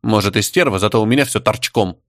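A man's voice: fairly low pitch, quick pace, a bit bright, no echo, studio quality, natural voice. A man voicing a glum, crude young clan woman who sighs and complains, in an audiobook reading. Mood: gloomy. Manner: sighing and crude.

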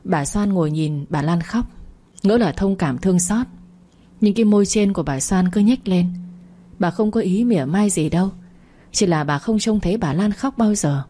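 Woman storyteller, mellow and husky, steady audiobook read. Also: medium pitch, moderate pace. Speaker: narrator.

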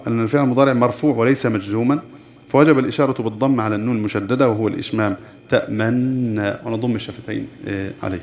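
A man teaching the rules of Quran recitation, explaining plainly with pauses of "aah" and slowing down to chant the verses he quotes. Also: mid-range voice, a little mellow. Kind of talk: tajweed lesson with recited examples.

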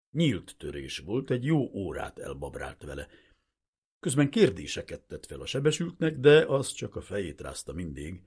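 A man narrating a literary audiobook in a measured, expressive storytelling manner. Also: low voice, breathy edge.

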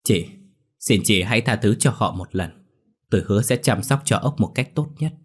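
A male narrator putting on a gentle young woman begging for mercy on her family's behalf. The husky voice lifts higher than his own and sounds earnest and heartfelt, like a spoken horror tale. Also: normal speed. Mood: pleading. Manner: pleading, earnest. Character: kind young woman, tearfully pleading.

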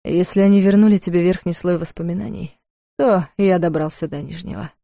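Storybook fiancé, calm and self-possessed, quiet and slow, read by a woman, mellow low voice. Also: creaky, no room sound, clean studio sound.

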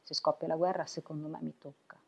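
A woman's voice: low voice, flat delivery, quick pace, creaky, darkish tone, breathy edge, full character voice. A woman voicing an eighteen-year-old young man, joking and blunt, in an offhand, teasing manner, for a storybook reading. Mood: resigned. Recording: lo-fi web radio audio.

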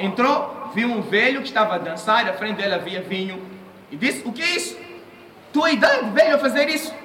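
A man preaching a sermon, his high voice bright and ringing. He tells stories in an animated way, acting out the voices in them. He sounds echoey and set back from the mic, with faint room noise behind him. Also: far from the mic. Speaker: Islamic preacher. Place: mosque.

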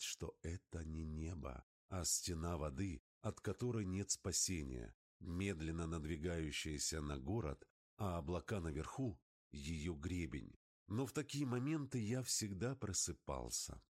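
A man giving an expressive first-person narration of an adventure story as an audiobook. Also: very deep voice.

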